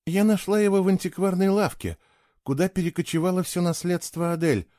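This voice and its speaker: A man's voice: high voice, fairly quick, warm tone, no room sound, studio quality, pitched above the performer's own voice, lightly acted. Man voicing a stubborn, spirited young woman. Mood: curious. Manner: insistent, raised voice.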